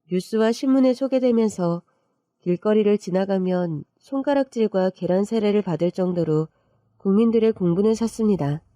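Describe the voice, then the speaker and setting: A woman's voice: mid-range voice, warm tone, no echo, studio quality. A woman narrating a dramatic listener-submitted story in an emotive storytelling manner.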